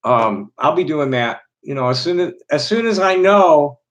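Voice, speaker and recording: A middle-aged man from Chicago rambling casually to his chat, halting with frequent restarts and fillers. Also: on the high side, expressive, a bit bright, low-quality recording. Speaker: live stream host.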